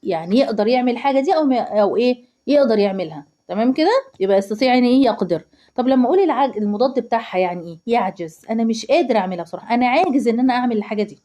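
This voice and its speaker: Woman, Egyptian accent, teacher drilling vocabulary, rapid delivery, fairly high voice. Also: lively intonation, warm tone. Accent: Egyptian Arabic. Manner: asks questions and answers them herself. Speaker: primary school Arabic teacher. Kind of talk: explaining word meanings to children.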